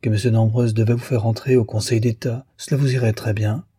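A man's voice: medium pitch, little pitch movement, fairly quick, dark tone, slightly rough, no echo, studio quality. A man reading a gracious, encouraging lady. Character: gracious refined woman at dinner.

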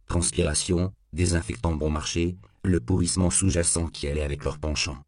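A man narrating an audiobook in a grim, measured storytelling manner. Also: sits low, gravelly, a little mellow, no echo, studio quality.

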